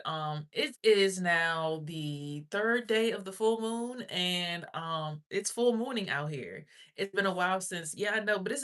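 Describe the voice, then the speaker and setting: A young woman with a raspy, mid-range voice that sounds pushed and bright chats loosely on a livestream. She rambles about spiritual topics and swears freely in this casual stream talk.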